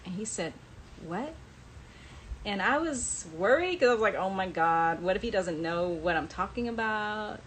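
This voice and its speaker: On a livestream, an author shares personal memories, a woman chatting casually through an anecdote and acting out the quoted dialogue. Her medium-pitched voice is animated and a bit bright, at a moderate pace. The recording is low quality, with a little hiss or hum.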